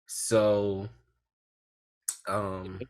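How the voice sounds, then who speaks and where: A man's voice: on the low side, monotone, drawn-out words. A tipsy man co-hosting a casual podcast, rambling loosely with plenty of slang and swearing. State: a little tipsy. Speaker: podcast co-host. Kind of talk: casual, profane podcast chat.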